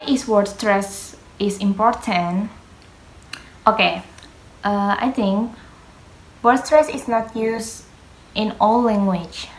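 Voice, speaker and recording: A woman's voice: mid-range voice, slow, long pauses. A young woman who speaks Indonesian as her first language, giving a hesitant class presentation on pronunciation, with many fillers and grammar slips. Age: young adult. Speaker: student presenter. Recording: echoey room.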